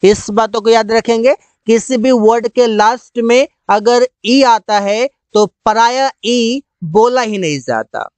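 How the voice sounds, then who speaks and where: A teacher explaining English silent-letter rules in Hindi, slowly repeating each rule and example word. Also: mid-range voice, a little mellow, no room sound.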